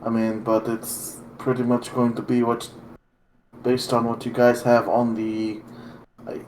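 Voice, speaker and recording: A man's voice: mid-range voice, completely flat delivery, measured pace, a little mellow, a little hiss or hum, rough recording. A man playing a tabletop game, speaking hesitantly. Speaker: player. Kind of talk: tabletop role-play.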